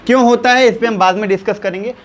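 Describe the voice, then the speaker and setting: A man's voice: high voice, steady tone. A man teaching a chemistry lesson, repeating key terms and asking his listeners questions as he goes. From India. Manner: slows down to spell out values step by step.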